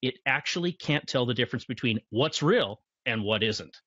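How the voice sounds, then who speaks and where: A man's voice: mid-range voice, lively intonation, normal speed, bright, forceful tone, dry recording. A man who is a guest in an interview, talking confidently about motivation and repeating his key phrases. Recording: dull, muffled lo-fi sound.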